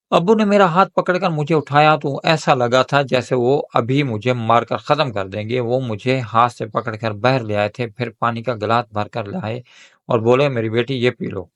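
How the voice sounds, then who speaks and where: A man tells an emotional moral story in the first person, speaking as a young woman. His voice sits at an ordinary middle pitch. The reading is steady, with emotion carried through it.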